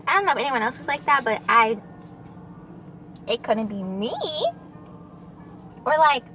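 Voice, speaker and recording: A woman's voice: on the high side, measured pace, pushed and bright, soft background music. A young woman chatting casually with the camera while eating, chatty and loose, full of fillers. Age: young adult. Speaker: vlogger. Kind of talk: casual mukbang chat.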